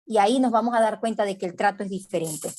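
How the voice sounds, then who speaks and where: A woman's voice: fast talker, darkish tone. Spanish-speaking woman teaching a virtual class. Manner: acts out scolding parents in a higher voice; reads out viewer comments, checks in with "¿ok?". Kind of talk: virtual class on emotional wounds.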